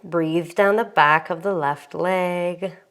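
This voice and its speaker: A young woman leads a yoga flow, cueing each breath in a calm, unhurried way. She sighs now and then and sounds a little winded. Her voice sits low and moves at a slow pace. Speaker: yoga instructor. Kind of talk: guided yoga class cues.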